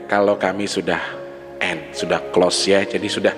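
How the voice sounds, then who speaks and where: A man talking candidly in a casual confessional monologue, repeating himself and laughing softly now and then. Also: sits low, level tone, normal speed. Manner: candid, repetitive, with frequent soft laughs. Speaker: vlogger. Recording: long reverb with background music.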